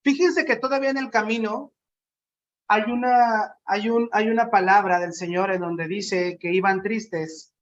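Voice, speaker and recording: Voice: medium pitch, fairly even intonation, unhurried, slight background noise. Preacher with muffled audio. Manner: conversational, asks the congregation questions, acts out quotes. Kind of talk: sermon.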